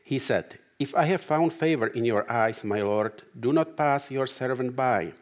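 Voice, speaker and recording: A middle-aged man from the Czech Republic with a Czech accent, giving a sermon and reading scripture as a guest preacher, talking haltingly with many "uh" fillers and restarts. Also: mid-range voice.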